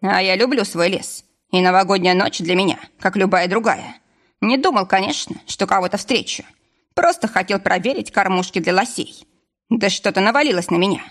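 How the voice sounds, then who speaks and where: Female reader as gruff middle-aged forester, rough, blunt, storybook. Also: mid-range voice, normal speed, natural voice. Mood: grumbling. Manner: scolding, blunt.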